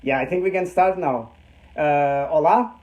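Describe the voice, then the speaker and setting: The recording is muffled as a Portuguese man in his thirties, voice on the high side and a little mellow, gives a casual live-stream tour of his small home print workshop machine room. He speaks English hesitantly, with many pauses, fillers, and restarts, and chuckles a lot.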